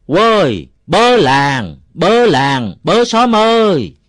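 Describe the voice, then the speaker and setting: A man voicing a jolly middle-aged village man who bellows a high, strained cry for the neighbors to come. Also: very animated, very slow, fairly bright tone, no echo, clean studio sound, exaggerated voice. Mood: shouting.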